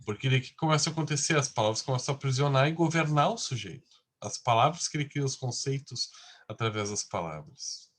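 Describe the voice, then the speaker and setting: A man's voice: mid-range voice, animated, quick pace, a bit bright. Male lecturer, conversational class delivery with constant tag questions.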